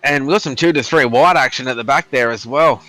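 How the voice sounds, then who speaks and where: A man's voice: medium pitch, a little fast, sharp tone, a little hiss or hum, low-quality recording. A man giving live motorsport commentary on a sim race.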